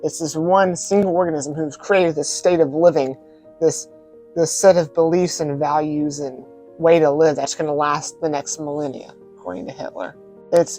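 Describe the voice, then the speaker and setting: In a mellow, fairly high voice, a man reviews films as a video host, though the recording quality is low. He speaks informally and emphatically in a conversational vlog style, doubling up words to stress them.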